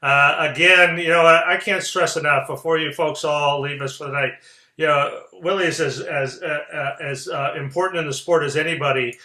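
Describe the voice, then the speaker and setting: A man's voice: a little high, steady tone, moderate pace, bright, forceful tone. A man hosting a coaching session, giving closing thanks to the guest and the audience. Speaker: session host. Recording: echoey room.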